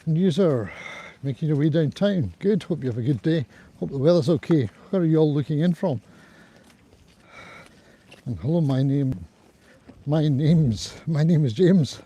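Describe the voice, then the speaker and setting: A man with a husky voice chatting casually and ramblingly as he livestreams a walk outdoors on a small clip-on mic. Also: on the high side, expressive, normal speed, long pauses, dark tone. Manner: chatty, rambling, greets viewers as he goes. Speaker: livestream host on a group walk. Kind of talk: casual live vlog chat to viewers. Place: outdoors on a riverside hiking trail in cold wind. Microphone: small DJI clip-on mic worn near the throat.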